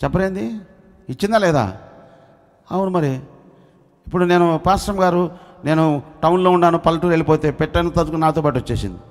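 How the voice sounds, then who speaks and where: Male pastor, coastal Andhra Telugu accent, high voice, revival sermon, alternates soft prodding with shouted prayer, long hall echo. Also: a little fast, long pauses.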